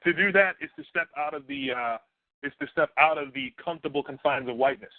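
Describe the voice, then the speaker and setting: A man's voice: a little high, quick pace, vocal fry, no echo. A man on a radio talk show panel who jumps in eagerly and repeats himself as he talks. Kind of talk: casual panel discussion. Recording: tinny phone line, dry.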